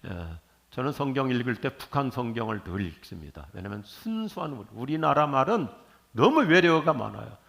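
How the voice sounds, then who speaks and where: An older man preaching a sermon in a church, lively and jokey with sudden loud bursts. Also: medium pitch, vocal fry. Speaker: pastor. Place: church sanctuary.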